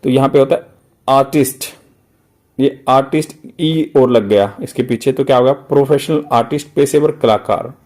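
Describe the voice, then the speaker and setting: A man teaches English vocabulary as he goes through a newspaper. He explains in Hindi with English words mixed in, and he stretches out each word slowly and repeats it to drill the pronunciation. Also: medium pitch, darkish tone.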